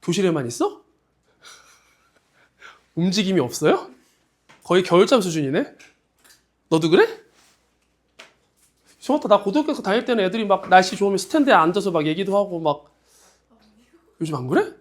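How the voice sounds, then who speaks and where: A male high school biology teacher giving a casual classroom lecture, teasing his students and firing quick questions at them. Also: very animated.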